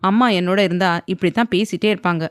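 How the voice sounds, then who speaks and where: A woman's voice: lowish voice, steady tone, fast, dry recording, clean studio sound, lightly acted. A woman voicing a determined young heroine. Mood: earnest. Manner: firm, earnest.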